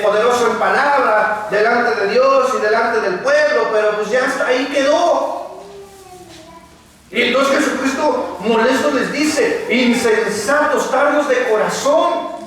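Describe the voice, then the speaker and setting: Male preacher, sermon, rhetorical questions, high voice, distant mic, echoing hall. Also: fairly bright tone, slight background noise. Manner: asks the congregation rhetorical questions. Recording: echoey hall, mic far off.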